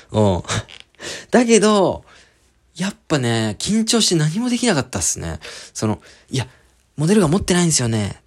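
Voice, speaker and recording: Man, sketch comedian, casual solo talk, rambling storytelling, animated lively intonation. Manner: rambling storytelling with many filler words; animated, swooping pitch.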